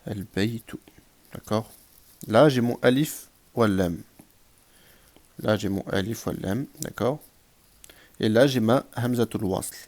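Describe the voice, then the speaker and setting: Slow, patient male Arabic teacher. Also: on the low side, a little mellow. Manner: patient, repeats examples and asks "d'accord?". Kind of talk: classroom grammar lesson.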